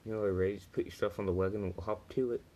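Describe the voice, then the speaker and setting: A man reading the lines of a friendly, easygoing cowboy wagon driver in his own low voice. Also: steady tone, rapid-fire, dark tone, close to an everyday voice. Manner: easygoing, folksy.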